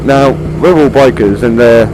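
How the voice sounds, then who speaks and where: A man's voice: mid-range voice, moderate pace. A man with a British accent chats casually and rambles informally to viewers from inside a helmet while riding a motorbike, with some mild swearing. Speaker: motorcycle vlogger. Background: motorcycle and vehicle noise.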